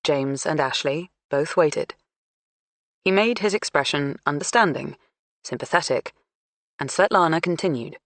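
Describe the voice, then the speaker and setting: A woman narrating an audiobook in a measured, even storytelling manner. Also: sits low, no room sound. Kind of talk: scripted narration.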